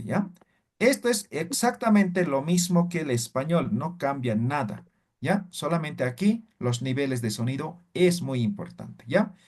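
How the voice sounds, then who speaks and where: A man's voice: a little high, a little mellow. A man teaching a language class, explaining sounds and demonstrating them aloud, checking in often with short questions. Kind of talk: online language lesson.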